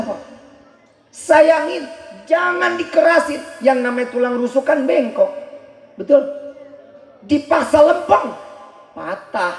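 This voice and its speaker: A man giving a humorous sermon, firing rhetorical questions at the crowd and now and then breaking into shouts for emphasis. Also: very high-pitched. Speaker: preacher. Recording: echoey live venue.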